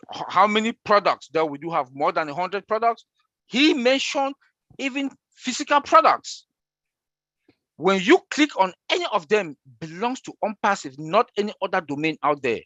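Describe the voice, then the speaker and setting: An excitable man who repeats himself while answering questions in a casual online meeting. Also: high voice, no room sound. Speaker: presenter answering member questions.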